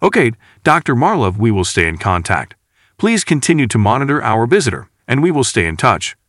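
A man reading the part of a woman military captain in an audiobook, barking short orders in a brisk, commanding way. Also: medium pitch, sing-song, fairly bright tone, dry recording, clean studio sound.

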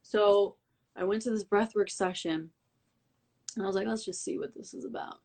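A young woman guest, a breathwork coach, telling her story in a casual interview with many "like"s and animated retellings of her own thoughts. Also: mid-range voice. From Albanian heritage.

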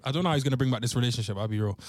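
A man's voice: medium pitch, very fast, a little hiss or hum. A young man with a London accent and a roadman way of talking, chatting casually in street slang. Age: young adult.

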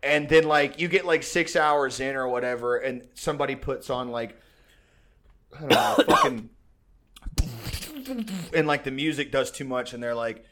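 A man's voice: medium pitch, normal speed, pauses often, sharp tone, slight background noise. A young man telling a story in a casual, profane, rambling way, full of fillers and restarts and laughing often.

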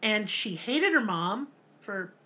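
A woman's voice: medium pitch, sing-song, slow, bright, forceful tone, slightly rough. A woman hosting a casual podcast, telling a true story with profane jokes and mock voices. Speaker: podcast host.

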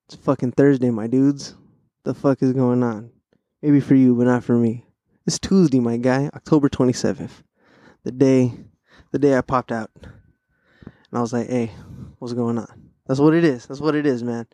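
A stoned young man hosts a casual solo podcast, speaking in a medium-pitched, mellow voice at a moderate pace with fairly even intonation. He uses loose, profane bro slang and keeps circling back over his own phrases. The recording is dry and echo-free.

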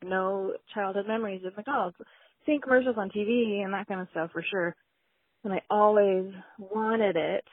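A woman's voice: mid-range voice, slightly rough, dry recording. A woman leaving a casual voicemail as a caller to a show, rambling along with lots of "um" and "like". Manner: rambling, full of "um" and "like". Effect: leaving a voicemail over the phone. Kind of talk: casual phone message. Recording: tinny phone line, dry.

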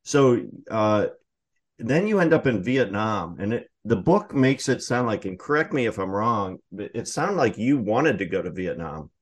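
A man hosts an interview, asking long, hesitant questions full of ums and restarts. His voice is slightly low, and he keeps the tone conversational. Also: big pitch swings, normal speed. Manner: hesitant, filler-heavy questions. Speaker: interviewer, host.

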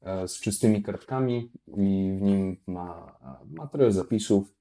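A man hosting a casual talk show, explaining his points in a calm, measured way. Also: low-pitched. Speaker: podcast host. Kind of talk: casual chat.

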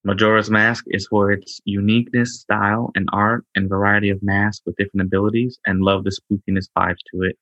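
A man's voice: lowish voice, flat delivery, a little fast, hardly any pauses, fairly bright tone, dry recording, lo-fi sound. A man co-hosting a podcast in casual chat, laid-back and stumbling over his words. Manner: laid-back, stammering restarts, says bro. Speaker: podcast co-host.

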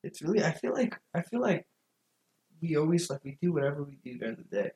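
A man's voice: a little high, very animated, fast talker, darkish tone, reverberant. A young college man, a podcast guest, chatting casually and chiming in with short agreements. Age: young adult. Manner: easygoing, chimes in with short agreements. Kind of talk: casual chat.

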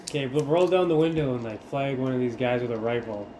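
A man's voice: mid-range voice, fast talker. A man playing a tabletop game with friends, talking casually and joking. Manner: animated, joking. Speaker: player. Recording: echoey room with faint noise.

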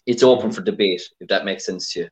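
A man's voice: low voice, fast talker. An Irish man talking casually as a guest in a podcast interview over his phone. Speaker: podcast guest, historic rally competitor.

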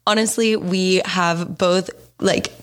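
A young woman hosting a podcast in casual, chatty speech full of "like", with vocal fry in her voice. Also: lowish voice, steady tone, takes it slowly. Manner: chatty, peppered with "like". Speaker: podcast host.

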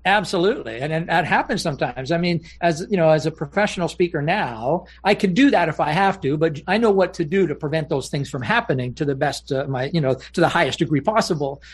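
Male guest speaker, high-pitched, anecdotal storyteller with comic timing. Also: quick pace, hardly any pauses, husky. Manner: anecdotal, punchline-driven, laughs easily. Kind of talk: storytelling interview talk.

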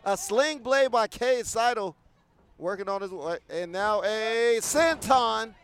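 A man calling live wrestling play-by-play, rattling off moves and bursting loud on the big spots. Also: high voice, slow pace, slight background noise.

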